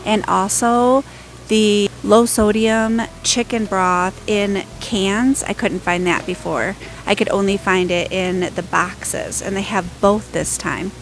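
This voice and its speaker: A woman's voice: mid-range voice, fairly even intonation, takes it slowly, a little hiss or hum, low-quality recording. A woman narrating a casual shopping and cooking vlog in a chatty, upbeat way, thinking aloud as she goes. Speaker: home cook and shopping vlogger.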